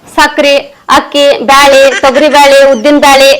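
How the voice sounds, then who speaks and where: A woman's voice: sits high, completely flat delivery, a bit bright. Woman playing a fiery wife, North Karnataka accent. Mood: irritated. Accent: North Karnataka Kannada. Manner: quick-tempered, complaining. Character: fiery, stubborn young wife. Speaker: wife seeking divorce. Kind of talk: comedy sketch acting.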